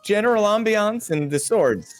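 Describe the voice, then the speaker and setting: A man's voice: high-pitched, expressive, normal speed. A man playing a tabletop game, speaking in casual improvised banter. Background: music.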